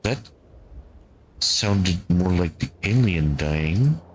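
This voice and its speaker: A man giving calm gameplay commentary, thinking aloud and talking to his squad as he plays. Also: low-pitched, extremely slow, a little hiss or hum. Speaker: gameplay streamer.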